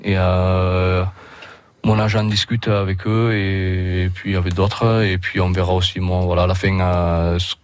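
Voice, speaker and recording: A man's voice: low voice, level tone, measured pace, no room sound. A man in his thirties with a Roussillon French accent, a rugby league player talking casually as a radio guest, hesitant and full of restarts.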